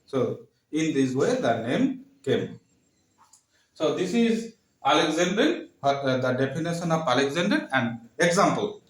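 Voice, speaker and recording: A man teaching a literature lesson, speaking haltingly, with frequent fillers and repeated terms. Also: a little high, sing-song. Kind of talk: classroom lecture. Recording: echoey room.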